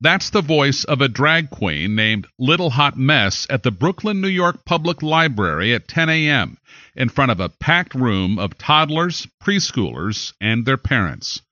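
A man's voice: medium pitch, sing-song, a little slow, bright, forceful tone, no room sound, highs cut off. An American man reading scripted news in an emphatic, dramatic announcer style. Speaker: news anchor.

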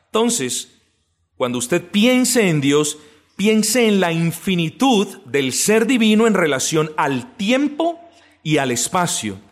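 A man preaching a doctrinal sermon, asking and answering his own questions and drawing out key words slowly for emphasis. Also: high-pitched, very animated. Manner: addresses listeners as brothers, asks and answers own questions. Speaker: pastor teaching doctrine. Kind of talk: sermon teaching.

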